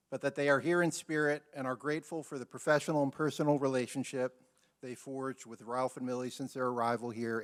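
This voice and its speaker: A man, a newspaper editor, giving a measured and formal eulogy at a memorial service, with a dry joke. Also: medium pitch. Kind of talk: memorial speech.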